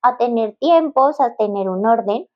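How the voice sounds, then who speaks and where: A woman co-hosting a casual podcast conversation, explaining calmly and often chiming in with agreeing fillers. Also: on the high side, measured pace, dull audio. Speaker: podcast co-host.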